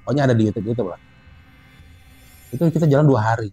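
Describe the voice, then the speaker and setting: A man casually telling a true story from a mountain hike, growing animated and high as it gets tense. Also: fast talker, slightly rough, soft background music. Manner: animated, rising pitch when excited, Jakarta slang. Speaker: storyteller guest.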